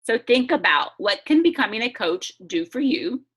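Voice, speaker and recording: A woman's voice: a little high, very animated, moderate pace, a bit bright, breathy edge. A woman hosting a casual webinar over a video call, chatty and upbeat, often laughing. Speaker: host.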